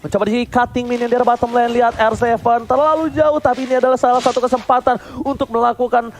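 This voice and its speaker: A man shoutcasting an esports match like an excited fighting game announcer, with drawn-out calls. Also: very high voice, slight background noise. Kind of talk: excited play-by-play game commentary.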